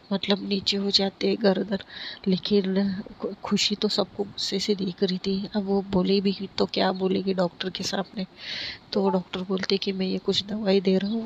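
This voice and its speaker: A woman tells a love story in an easygoing, chatty way and reads out what each character says. Her voice stays level with little rise and fall. The recording sounds a bit dull and lo-fi, with a faint hiss behind her. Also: mid-range voice. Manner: loose conversational telling, voices the characters' lines in quotes. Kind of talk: casual spoken retelling of a love story.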